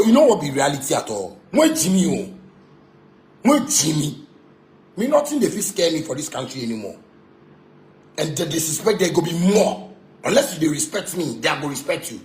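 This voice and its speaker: With a Ghanaian accent, a man rants angrily in Pidgin and broken English, repeating himself and hurling insults in a confrontational way. His voice is fairly high and sing-song, with a darkish tone, a moderate pace, and long pauses. The recording sounds echoey, with background noise in the room.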